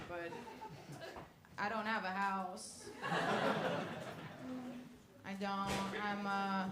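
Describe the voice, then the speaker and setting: Young female stand-up comic, self-mocking and deadpan, live club sound with room echo. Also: medium pitch. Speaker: stand-up comedian. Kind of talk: stand-up comedy set. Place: comedy club stage with audience. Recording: echoey room with audience noise.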